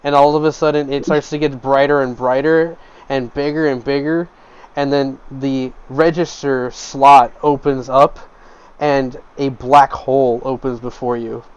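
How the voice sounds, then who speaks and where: A man's voice: mid-range voice, fairly even intonation, unhurried, clear, resonant tone, muffled recording. A man narrating a tabletop game as game master, describing scenes at length with frequent fillers.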